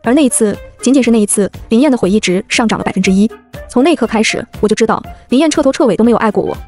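A woman narrating a web novel in a brisk, fast first-person telling, over background music. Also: fairly high pitch, lively intonation, darkish tone.

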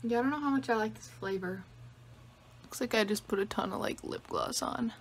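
A woman's voice: on the high side, a little fast, a little hiss or hum. A teenage girl chatting casually to her phone camera in her bedroom, rambling with lots of "like" and "I don't know". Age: teens. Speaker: vlogger. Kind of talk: casual vlog chat. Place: bedroom, indoors. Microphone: phone camera at arm's length.

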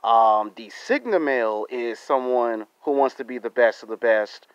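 American male vlogger, thirties, mid-pitched, deliberate emphatic phrasing, dry lo-fi phone sound. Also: animated, clean tone, no room sound. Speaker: YouTube vlogger. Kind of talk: monologue to camera for subscribers. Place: outdoors in a residential yard. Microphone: phone held close to the face. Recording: dull, lo-fi phone audio.

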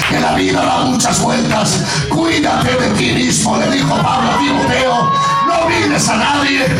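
High-voiced impassioned preacher. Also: male voice. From Bilbao, Spain. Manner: impassioned, often shouting, storytelling with humor. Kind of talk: sermon. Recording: echoey hall with distant mic, music and congregation. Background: music and congregation.

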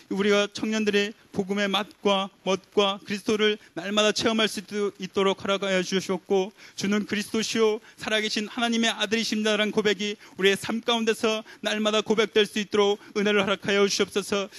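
A young man leads an earnest prayer in a flat, steady line, with hardly any rise and fall. His voice sits high, and the close handheld mic sounds dry, with no room around it. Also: no echo. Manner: earnest, repetitive pleading phrases. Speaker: youth worship prayer leader. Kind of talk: fervent spoken prayer. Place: church hall stage, indoors. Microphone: handheld mic held close.

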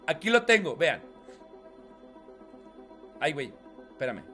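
A man's voice: fairly high pitch, very animated, takes it slowly, sharp tone, soft background music. A man with a Mexican accent reading chat on a live stream and mocking it with profanity and laughter. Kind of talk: casual live-stream commentary.

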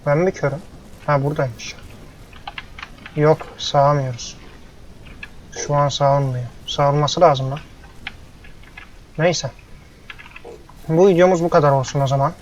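A young man doing casual gameplay commentary, his fairly high voice turning exasperated as he scolds and coaxes stubborn farm animals. It comes through a muffled, lo-fi headset microphone with a faint hiss of background noise. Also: steady tone, measured pace, long pauses. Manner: frustrated, grumbling, talks to the animals. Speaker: gameplay YouTuber. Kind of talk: casual let's-play commentary.

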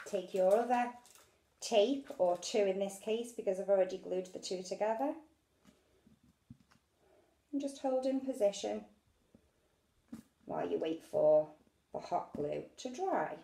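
This unhurried craft demo comes from a middle-aged British woman working at a dining-room table in her home, chatting as she goes. Her mid-range voice is warm and creaky, heard in an echoey domestic space.

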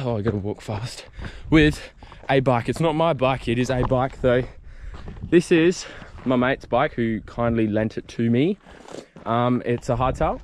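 A man's voice: mid-range voice, a little mellow, slight background noise. A young Australian man from South Australia, vlogging casually and jokily with lots of ums while out on bush bike trails. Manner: chatty, rambling, jokey with lots of ums. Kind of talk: casual vlog chat.

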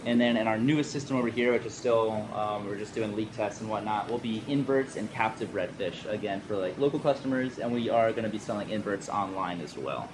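Low-voiced man over noisy shop hum. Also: a little fast, hardly any pauses. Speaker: coral store employee giving a tour. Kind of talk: casual explaining during a shop tour. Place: indoor aquarium store room full of tanks. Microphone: handheld camera mic, a few feet away.

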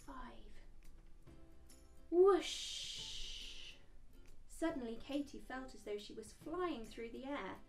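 A woman reads a children's picture book aloud in a gentle, expressive storytelling voice. Her tone sits fairly high with a gravelly edge, and she sounds set back from the mic. Soft music plays faintly behind her. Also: distant mic.

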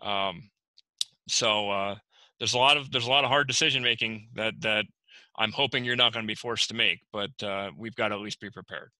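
Bright-voiced man reporting at a council meeting. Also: fairly low pitch, steady tone, brisk, dry recording, low-quality recording. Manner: hesitant, many fillers and restarts. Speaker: borough manager. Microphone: video call.

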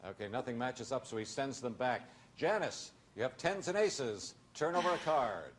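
A man's voice: mid-range voice, animated, moderate pace. A middle-aged American man hosting a game show, announcing each move with suspense in a commentary style. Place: television studio. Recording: noisy vintage TV studio recording.

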